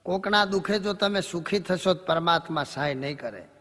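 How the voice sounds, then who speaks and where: A man telling devotional folk stories in a preachy, jokey and animated way. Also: on the high side, moderate pace, big-room sound. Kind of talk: devotional storytelling sermon.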